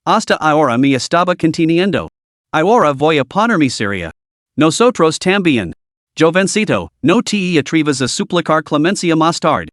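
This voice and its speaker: A man's voice: on the high side, very animated, moderate pace, fairly bright tone, no room sound, clean studio sound. A man reading the lines of a proud, hot-tempered young girl cultivator, indignant and stubborn.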